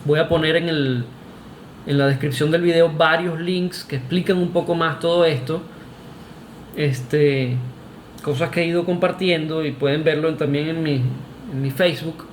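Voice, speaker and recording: A man's voice: fairly high pitch, fairly even intonation, moderate pace, reverberant, slight background noise. A Venezuelan man with a Venezuelan Spanish accent, giving an emphatic, argumentative opinion monologue to camera, with restarts and "este" fillers. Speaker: vlogger.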